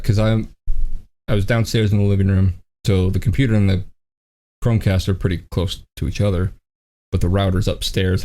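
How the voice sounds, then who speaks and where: Low-voiced joking male tech show host. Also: warm tone. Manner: joking, teasing banter. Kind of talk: casual live tech chat.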